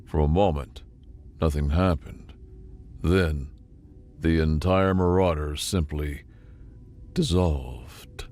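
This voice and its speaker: Deep-voiced man narrating expressively. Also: slow pace, long pauses. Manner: dramatic, expressive storytelling. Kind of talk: scripted audiobook narration.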